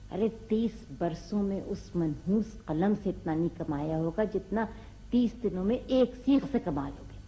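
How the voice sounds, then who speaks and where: An actress playing a sharp-tongued, sarcastic middle-aged mother and wife in a classic television comedy drama. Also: mid-range voice, lively intonation, unhurried, a little hiss or hum, natural voice, poor audio. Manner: sarcastic, scolding.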